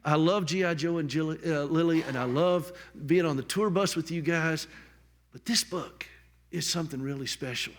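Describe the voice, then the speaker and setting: A man's voice: a little high, normal speed. Man giving an emotional stage tribute. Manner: jokey then tender, repeats and restarts words. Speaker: tribute speaker at a book launch. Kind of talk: heartfelt public tribute speech. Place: on stage at a public event.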